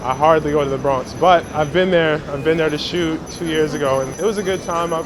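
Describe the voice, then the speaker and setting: A Brooklyn man in his twenties, a street photographer, gives casual, reflective, slangy interview answers outdoors on a city street. His voice runs on the high side and a little fast. The recording is noisy, with traffic, vehicles and general urban ambience around him.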